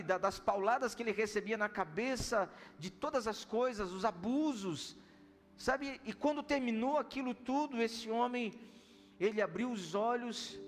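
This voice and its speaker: A high-voiced male pastor delivers a sermon, telling a story in an animated way and swinging between loud and hushed delivery. His voice rings with the long reverb of a church hall. Soft music plays faintly underneath.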